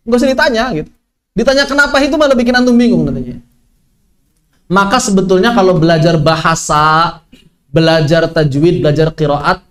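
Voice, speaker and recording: High-voiced man teaching tajwid. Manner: lively, asks and answers his own questions. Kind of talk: online Quran recitation lesson.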